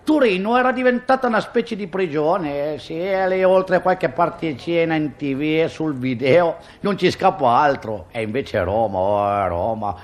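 A man's voice: fairly high pitch, animated, normal speed, few pauses. A man delivering a chatty, self-mocking comic monologue full of exclamations.

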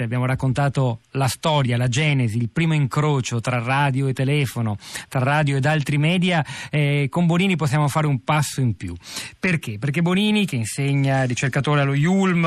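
A man's voice: mid-range voice, dry recording. Radio host guy asking long careful questions, dead dry studio sound. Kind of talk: radio interview.

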